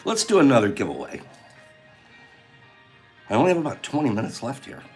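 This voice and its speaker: A man hosting a casual livestream, chatty and animated as he reads out viewer names and runs a guessing game. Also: medium pitch, fairly quick, faint music behind. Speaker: livestream host.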